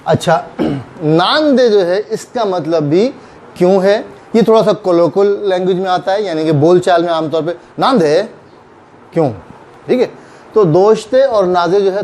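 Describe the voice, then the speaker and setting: A man with an Urdu accent teaching Japanese grammar, patiently repeating example phrases slowly. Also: high voice, mellow, slight background noise. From Pakistan. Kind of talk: explaining grammar in a recorded lesson.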